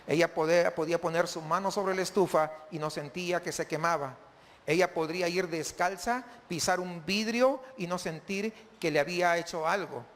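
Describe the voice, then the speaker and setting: High-voiced pastor preaching in a hall. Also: male voice, normal speed, a bit bright. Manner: keeps asking the congregation questions. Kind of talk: sermon.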